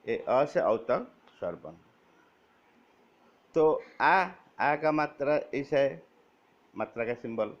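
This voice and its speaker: A man teaching Hindi vowel signs to schoolchildren, slowly spelling out each sign and reading word lists aloud one word at a time. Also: medium pitch, expressive. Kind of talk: Hindi grammar lesson for children. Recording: dull lo-fi recording.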